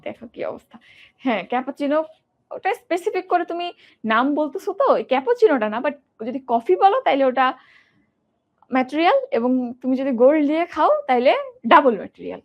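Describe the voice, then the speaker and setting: High-voiced young woman teaching grammar. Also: fast talker, muffled recording. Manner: lively, asks questions, repeats words drill-style. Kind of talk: online exam-prep grammar lesson.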